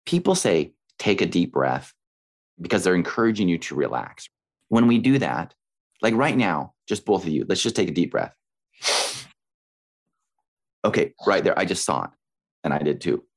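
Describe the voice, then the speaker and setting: Low-voiced man teaching breathing in conversation. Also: sing-song, fairly quick. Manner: instructive, illustrates with everyday examples. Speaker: meditation and breathing teacher, guest. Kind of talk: explanatory interview talk.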